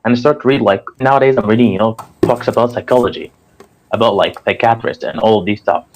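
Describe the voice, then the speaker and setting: Speaking fast in a mid-range voice, a young native Arabic speaker from Egypt, with an Egyptian accent, chats casually as a guest. He's earnest and leans heavily on "like" and "you know." The recording is slightly dull and muffled, with a little background noise.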